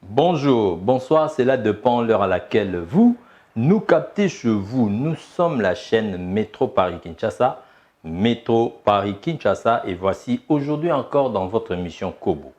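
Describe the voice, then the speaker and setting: A man's voice: lowish voice, big pitch swings, measured pace, a little mellow. A man hosting his channel, giving a declamatory, scripted introduction that lists and repeats phrases. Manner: declamatory, repetitive listing. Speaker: channel host. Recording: dull lo-fi audio.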